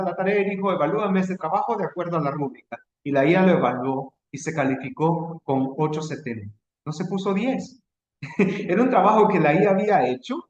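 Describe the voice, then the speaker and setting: Salvadoran male trainer on a video call, chatty lecturing tone, slightly raised pitch, roomy echo. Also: a little mellow, muffled recording. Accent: Salvadoran Spanish. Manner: conversational, checks in with rhetorical asides. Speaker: teacher leading a training session. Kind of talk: online lecture.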